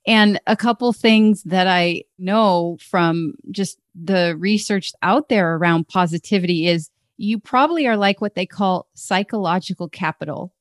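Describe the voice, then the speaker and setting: A woman hosting an interview, encouraging and upbeat, quick to praise her guest. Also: fairly low pitch, no room sound, clean studio sound. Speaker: interviewer host. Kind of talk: friendly interview chat.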